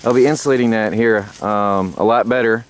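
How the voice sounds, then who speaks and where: A homestead vlogger chats casually into a handheld camera mic outdoors, sounding out of breath. His voice is lowish and fairly quick with fairly even intonation, and he rambles with plenty of fillers.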